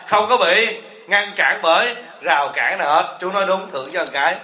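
A man's voice: high-pitched, normal speed, sharp tone. A man giving a humorous sermon as a Buddhist monk teacher, asking the audience rhetorical questions and joking with them. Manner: asks the audience rhetorical questions, jokes and teases. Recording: echoey hall.

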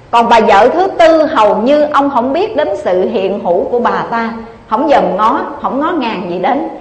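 A woman gives a Buddhist dharma talk, telling a parable and turning to her listeners with rhetorical questions. Her voice sits high. It echoes through a large hall with a long reverb. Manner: addresses listeners often, asking them rhetorical questions. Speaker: Buddhist preacher.

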